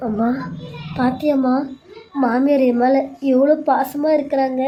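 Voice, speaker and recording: A woman's voice: high voice, steady tone, measured pace, muffled recording, slight background noise. A woman voicing a naive young daughter questioning her mother in a family serial drama. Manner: questioning, wounded.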